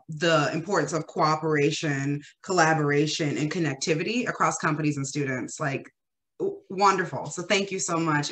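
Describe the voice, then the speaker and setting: A woman moderating an online forum over a video call, warmly thanking one speaker and introducing the panelists. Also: deep voice. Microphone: webcam on a video call.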